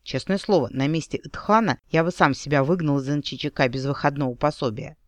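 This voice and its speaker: A man's voice: on the high side, brisk, fairly bright tone, dry recording, natural voice. A man voicing a reckless, wry elf man who was once an army scout, talking in a dry, laconic way. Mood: earnest.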